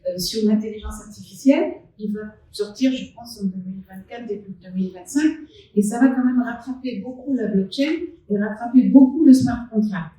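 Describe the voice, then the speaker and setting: A woman's voice: fairly high pitch, moderate pace, warm tone, distant mic. A woman on a conference round-table panel, speaking with many restarts and fillers and pressing her points with emphasis. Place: conference hall at a live event. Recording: very echoey hall, recorded from afar.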